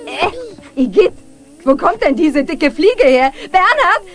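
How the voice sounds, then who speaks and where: A woman's voice: very high-pitched, sing-song, slow, exaggerated voice. A woman voicing a fussy, hysterical lady in a children's radio play, whiny and easily upset.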